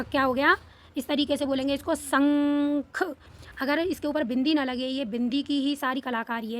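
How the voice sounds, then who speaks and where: High-voiced teacher drilling children. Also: female voice. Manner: patient, repeats questions and answers them, stretches words out slowly. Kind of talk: Hindi reading lesson for children.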